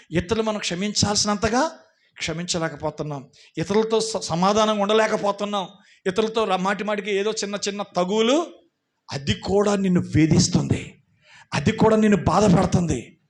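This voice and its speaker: A male pastor with a Telugu accent preaches a sermon, swinging between loud, emphatic repetition and low asides. He also asks the congregation direct questions.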